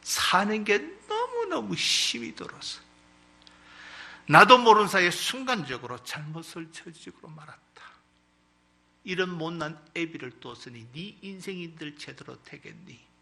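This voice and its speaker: Man doing a tearful old father, slow pleading, bright tone. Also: sits high, very animated, gravelly, full character voice. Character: grieving aging father in prison, pleading.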